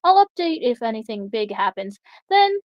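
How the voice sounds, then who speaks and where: A woman's voice: fairly high pitch, sing-song, normal speed, no room sound, muffled recording. A woman reading aloud as a female experimenter dictating her research logs in a matter-of-fact way. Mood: clinical. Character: calm clinical female experimenter writing logs.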